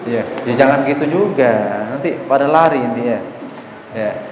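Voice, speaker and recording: An animated man with a mid-range voice, talking at normal speed, leads Quran recitation lessons in a mosque hall, patiently coaxing his students through pronunciation and showing them the sounds. The background is noisy, with the echo and faint ambience of the hall.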